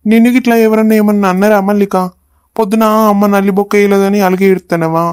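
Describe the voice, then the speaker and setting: A woman voicing a doting, quick-tempered young husband in a cartoon, coaxing. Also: mid-range voice, little pitch movement, darkish tone, smooth, no echo, studio quality, close to an everyday voice. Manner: coaxing, calls his wife endearments.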